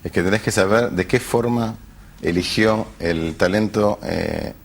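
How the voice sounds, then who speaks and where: A man's voice: low voice, unhurried, gravelly. A man, a tech company founder who hesitates and restarts often as he searches for words in a TV interview. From Argentina. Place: television studio.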